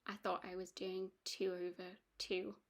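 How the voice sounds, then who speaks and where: A woman's voice: fairly low pitch, level tone, measured pace. A woman chatting casually about her cross-stitch projects, rambling with lots of ums and restarts. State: has the hiccups. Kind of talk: casual chat.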